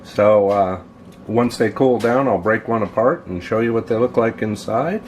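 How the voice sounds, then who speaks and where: A man's voice: fairly low pitch, moderate pace, a little hiss or hum. A man hosting a casual home cooking video, easygoing and plainspoken as he walks through a family recipe. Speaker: home cook, channel host.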